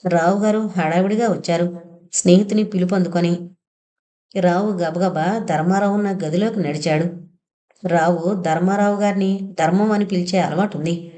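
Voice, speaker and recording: A woman narrating an audio novel in a steady, measured reading style. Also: medium pitch. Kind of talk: scripted narration.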